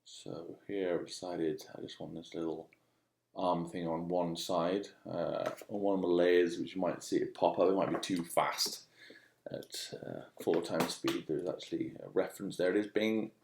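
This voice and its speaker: Low male voice, casual demo narration, halting and musing, echoey room recording. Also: fairly even intonation, creaky, darkish tone, slight background noise. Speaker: digital artist demonstrating own work.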